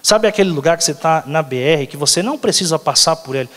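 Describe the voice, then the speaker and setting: A man's voice: on the high side, animated, quick pace, fairly bright tone. A man with a Brazilian accent preaching a sermon as a pastor, talking conversationally and often checking in with the congregation. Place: church sanctuary. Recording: long church hall reverb.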